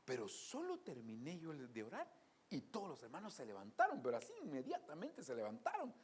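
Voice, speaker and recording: A man preaching a sermon in a church, telling stories and swinging from soft asides to loud exclamations. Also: on the high side, huge pitch swings, brisk, breathy edge. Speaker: pastor.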